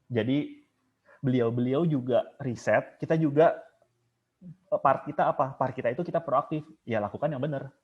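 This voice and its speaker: A man lectures casually over a video call, wandering from point to point and now and then breaking into a chanted line. His voice sits at a middle pitch, and the call audio is a little muffled. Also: moderate pace, slightly rough. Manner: casual and digressive, sometimes chanting examples. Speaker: guest speaker teaching chanting. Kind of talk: informal online lecture.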